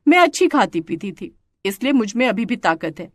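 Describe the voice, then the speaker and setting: A woman's voice: mid-range voice, big pitch swings, moderate pace, dry recording. Woman as a smug cartoon heroine making her point, dry. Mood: triumphant. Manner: triumphant, lecturing. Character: proud young woman who taught a lesson. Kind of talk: cartoon story voice acting.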